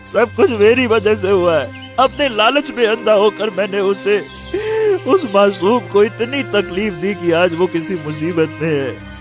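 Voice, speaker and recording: A man's voice: very high voice, normal speed, over music. A man voicing a remorseful young village man in a cartoon, distraught and tearful.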